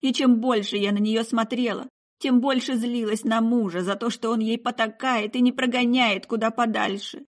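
A woman's voice: on the high side, steady tone, normal speed, hardly any pauses, pitched above the performer's own voice, lightly acted. A woman voicing a middle-aged mother pouring out bitter, remorseful confessions. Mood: anguished. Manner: emotional, pleading outbursts.

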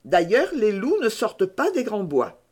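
A kind young peasant woman coaxes a child with gentle teasing in an audiobook, as a woman reader puts her on. Her voice lifts a little above the narration and moves with a lively lilt. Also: medium pitch, unhurried, husky, pitched above the performer's own voice, exaggerated voice. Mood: coaxing. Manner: teasing, coaxing. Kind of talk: audiobook character reading.

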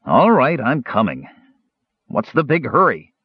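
A man voicing a big, gruff human warrior in a storybook reading, blunt and grumbling. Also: medium pitch, wildly swooping pitch, unhurried, no room sound, voice pushed up, exaggerated voice. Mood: exasperated. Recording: dull lo-fi audiobook recording.

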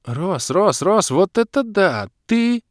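A man voicing an excitable young woman in an audiobook, squealing and firing rapid questions. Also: mid-range voice, dry recording, studio quality, voice pushed up. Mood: excited. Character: excitable young woman, shrieking, quick to pester. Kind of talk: audiobook character voice.

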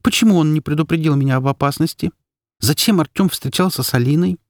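A man narrating a novel in the first person in a steady, measured reading voice. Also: a little high, no room sound, clean studio sound. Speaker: audiobook reader.

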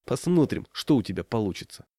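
A man's voice: lowish voice, big pitch swings, a little fast, dark tone, dry recording. A man reading a bitter, hapless man. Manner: bitter, despairing. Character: timid hapless middle-aged man, bitter.

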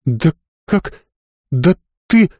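A man's voice: on the high side, big pitch swings, extremely slow, darkish tone, dry recording, clean studio sound, exaggerated voice. A man reading an audiobook, voicing an indignant young noblewoman with a raised voice. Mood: outraged. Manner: raised voice, outraged pleading. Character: young red-haired noblewoman, fiery and indignant.

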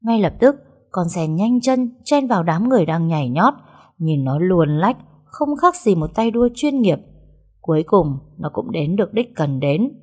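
A woman narrating a comic audio story in a lively manner. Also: on the low side, moderate pace, slightly rough.

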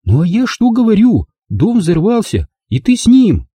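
Guy doing a high-pitched flustered young woman, insistent and exclaiming, dark dry read. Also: wildly swooping pitch, moderate pace, breathy edge, no room sound, exaggerated voice. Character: excitable indignant young woman, flustered sister.

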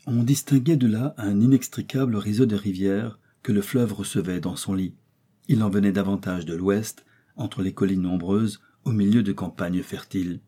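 Low, husky male audiobook narrator. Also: steady tone, normal speed, warm tone. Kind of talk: scripted narration.

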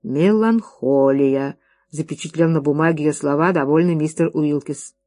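A reader narrating an audiobook story in an expressive storytelling manner. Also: mid-range voice, fairly quick, no echo. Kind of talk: scripted narration.

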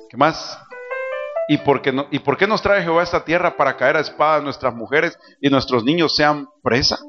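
A man preaching a sermon, calling out to his congregation and swinging between loud cries and soft asides. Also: on the high side. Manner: preaching with call-and-response to the congregation. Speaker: pastor. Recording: dull lo-fi church recording with music.

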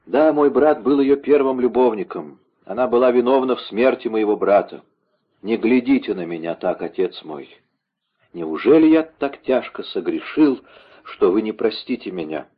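A man's voice: medium pitch, animated, normal speed, breathy edge. A man voicing a dying, wounded executioner who begs desperately for absolution. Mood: pleading. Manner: desperate, begging, gasping. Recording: dull lo-fi recording.

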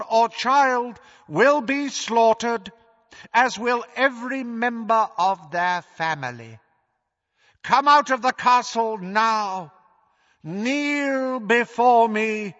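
A man voicing a cold, menacing dark wizard, who proclaims in a loud, slow, drawn-out voice. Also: high-pitched, long reverb tail, lo-fi sound, voice pushed up, full character voice.

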